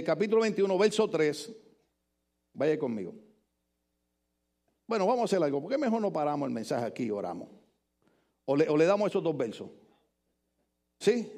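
An older Puerto Rican pastor preaching in church with a notably high voice. He swings from joking asides to emphatic points. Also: very animated, moderate pace, pauses often, darkish tone. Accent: Puerto Rican Spanish. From Puerto Rico. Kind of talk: sermon. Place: church with congregation.

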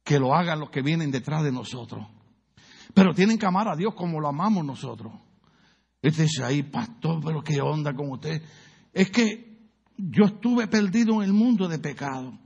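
A man's voice: fairly high pitch, expressive, normal speed, creaky, darkish tone, slightly rough, highs cut off. A middle-aged man with a Puerto Rican accent preaching a humorous sermon, telling stories, acting out voices and asking the congregation questions. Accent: Puerto Rican Spanish. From Puerto Rico. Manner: storytelling, asks the congregation questions, acts out voices. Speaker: pastor.

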